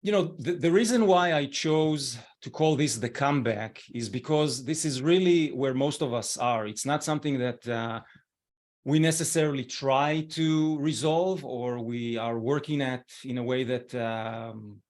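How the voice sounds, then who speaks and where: A man in his forties from Israel hosting an online webinar, speaking gently and encouragingly with frequent fillers over a video call. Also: medium pitch, a little slow. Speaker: webinar host.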